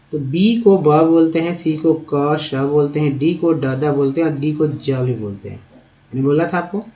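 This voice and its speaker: On a muffled recording, a man whose first language is Hindi gives a spoken lesson on English spelling and pronunciation. His voice leans high and slightly mellow, and he works through each step while quizzing the viewer.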